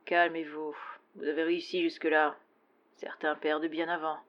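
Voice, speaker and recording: A woman voicing a curt, low stranger man. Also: level tone, moderate pace, dull audio, close to an everyday voice. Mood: stern. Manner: firm, clipped, stern.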